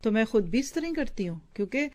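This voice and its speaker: Lady teacher reading a book out loud and explaining as she goes, chatty, keeps asking the class what words mean. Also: a little high, big pitch swings. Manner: pauses to explain word meanings with quick questions to the class; conversational, addresses listeners directly. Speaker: Islamic teacher.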